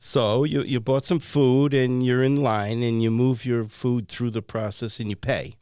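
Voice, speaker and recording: A man's voice: medium pitch, steady tone, measured pace, darkish tone, smooth, no room sound, clean studio sound. A man with a New England accent co-hosting comedic banter, ranting with exasperation about everyday phrases. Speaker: co-host.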